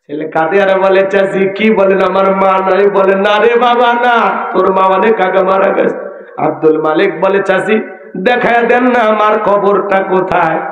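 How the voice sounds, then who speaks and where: High-pitched preacher wailing a sermon. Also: male voice, moderate pace. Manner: sing-song wailing preaching, acting out sobbing characters. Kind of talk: Bengali waz sermon with dramatic storytelling. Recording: echoey hall reverb, dull lo-fi sound with faint music.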